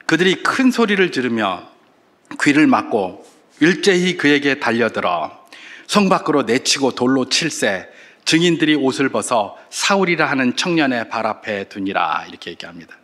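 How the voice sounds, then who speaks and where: Male pastor preaching, with animated swings and rhetorical questions. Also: medium pitch, moderate pace. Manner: animated preaching with acted-out crowd shouts. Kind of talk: sermon.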